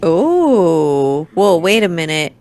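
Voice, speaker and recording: A woman's voice: on the low side, very animated, takes it slowly, a little mellow. A woman co-hosting a podcast, chatting casually and teasingly. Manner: playful, teasing. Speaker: podcast co-host. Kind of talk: casual chat.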